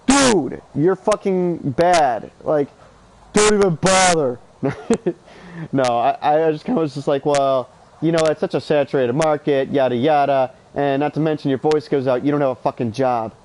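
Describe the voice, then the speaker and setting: Game music plays as a man in his thirties, stuffed up and lacking sleep, swears and rambles while streaming gameplay, full of opinions. He speaks at a normal speed in a slightly high voice, with background noise in the recording.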